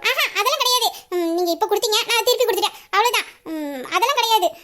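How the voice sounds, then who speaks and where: A woman's voice: very high voice, over loud music. A woman playing a giggly stubborn young wife. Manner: giggly, protesting, quick retorts. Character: shy, sharp-tongued young wife, playfully stubborn. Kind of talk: romantic audio drama.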